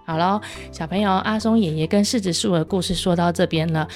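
A woman's voice: fairly low pitch, a little fast, darkish tone, soft background music. A woman narrating a children's story in a chatty way, asking the young listeners questions.

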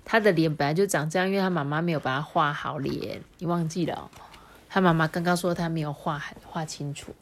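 A woman's voice: low voice, brisk, slight background noise. Chatty mother reading a picture book. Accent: Taiwanese Mandarin. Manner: chatty, animated, explaining asides.

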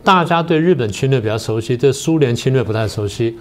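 A man's voice: medium pitch, animated. Older man lecturing step by step. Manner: methodical, explains step by step with many pauses. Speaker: political science professor, guest. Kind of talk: lecturing on a talk show.

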